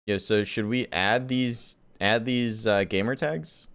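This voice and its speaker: A man chatting excitedly as he reacts to a game trailer, loose and slangy. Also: on the low side, takes it slowly, clear, resonant tone, no room sound. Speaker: gaming YouTuber. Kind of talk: casual reaction commentary.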